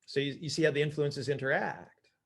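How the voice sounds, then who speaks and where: Coaching an informal group call, a man speaks briskly in a higher-pitched voice with vocal fry and fairly even intonation. He drives points home emphatically, answering his own questions and checking with "right?" a lot.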